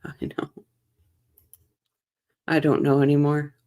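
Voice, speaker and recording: A woman hosts a casual livestream, greeting viewers in the chat by name in a tired morning voice. Her voice is deep, dark and level, and she takes her time.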